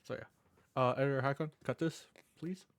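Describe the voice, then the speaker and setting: A man's voice: mid-range voice, gravelly. Man, slushy lisp on s, slightly slurred, casual vlogger, rambling restarts. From Canada. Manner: halting, rambling, repeats and restarts phrases. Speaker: content creator and streamer. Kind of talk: casual self-introduction vlog.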